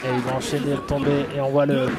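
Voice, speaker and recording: A man giving excited live wrestling commentary, exclaiming as he calls the moves. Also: medium pitch, quick pace. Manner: exclamatory, calling moves as they happen. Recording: loud crowd noise throughout. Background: roaring live wrestling crowd.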